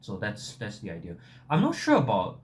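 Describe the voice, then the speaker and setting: A man's voice: fairly low pitch, wildly swooping pitch, moderate pace. A young man with a Singaporean accent chatting casually to viewers in a hesitant, self-deprecating, rambling way that often backtracks. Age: young adult. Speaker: vlogger.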